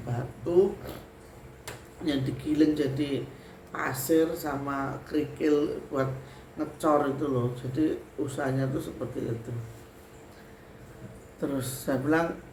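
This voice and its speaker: A woman's voice: deep voice, darkish tone. A middle-aged woman tells a spooky true story in a chatty way, often turning to her listeners. Her voice carries around a roomy space, with a faint hiss underneath. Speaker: spiritual healer telling her experiences. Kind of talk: casual spoken horror storytelling. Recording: roomy room with faint noise.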